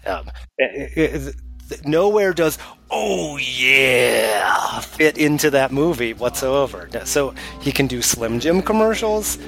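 A man's voice: mid-range voice, big pitch swings, a little slow, soft background music. A man co-hosting a podcast, chatty and laughing often, slipping into playful impressions. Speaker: podcast co-host. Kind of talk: casual film chat.

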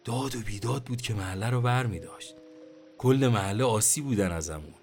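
An actor playing a chatty, complaining, nostalgic middle-aged taxi driver with a Tehrani accent and colloquial street slang. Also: male voice, on the low side, a little mellow, soft background music, lightly acted. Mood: wistful, animated.

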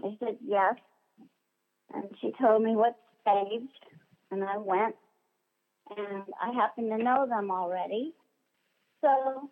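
Chatty woman on a tinny phone line. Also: on the high side. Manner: chatty, animated storyteller who acts out quoted dialogue. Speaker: interview guest, voice actress. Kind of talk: casual interview anecdotes. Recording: tinny phone-line sound in a long reverb.

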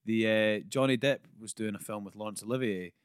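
A man with a fairly low voice tells long anecdotes on a casual podcast, explaining at length. His voice is recorded dry and close. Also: a little fast, clear, resonant tone, dry recording. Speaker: podcast co-host.

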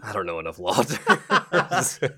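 Animated, jokey man hosting a podcast. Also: on the low side, a little slow, crowd noise. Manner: playful, laughing, jokey. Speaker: podcast host. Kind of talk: casual comedic chat.

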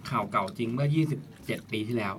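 A man's voice: mid-range voice, rapid-fire, fairly bright tone, soft background music. A man hosting a casual podcast, telling a story in a chatty way and repeating words as he thinks. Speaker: podcast host.

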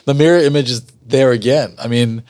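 Podcast host dude, jokey, swears a lot, dry close mic. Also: male voice, mid-range voice, darkish tone, no echo. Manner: joking, swears freely, cuts in with quick reactions. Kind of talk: casual chat.

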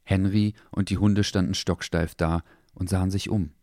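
A man narrating a children's story in a calm, measured way. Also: low-pitched, no room sound, clean studio sound.

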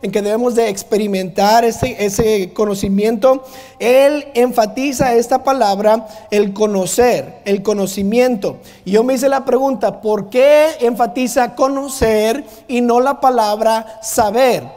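A man's voice: very high-pitched, fairly even intonation, a little slow, mellow. A male pastor preaching a sermon, emphatic and full of rhetorical questions. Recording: long hall reverb.

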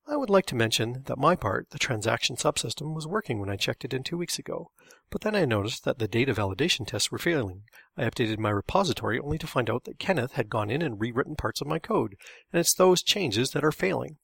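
A man's voice: medium pitch, big pitch swings, fast, vocal fry, a bit bright, slightly rough, no room sound, full character voice. A man voicing an angry, meticulous male programmer who speaks indignantly and emphatically. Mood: aggrieved.

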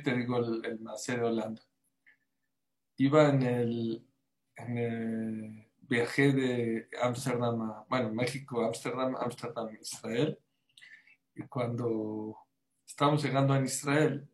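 Rabbi telling stories. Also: male voice, mid-range voice, low-quality recording. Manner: lively anecdotal storyteller, quick asides. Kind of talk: storytelling talk on a panel.

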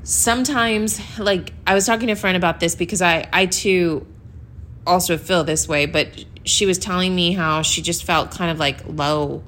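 A woman's voice: fairly low pitch, fairly bright tone, slight background noise. A woman hosting a podcast, talking casually in a rambling, chatty way with lots of fillers, feeling sleepy. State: sleepy, yawning. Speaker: podcast host. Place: New York.

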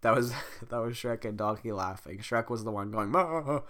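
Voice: medium pitch, steady tone, moderate pace, a bit bright. Sick reader rambling through a script. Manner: amused, rambling asides. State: sick, coughing. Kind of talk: casual script reading with asides.

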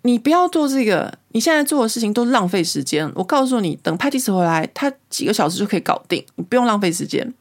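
A woman voicing a bossy wife who scolds the people around her in a sharp, raised voice. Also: mid-range voice, very animated, fast, hardly any pauses, voice pushed up. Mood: scolding.

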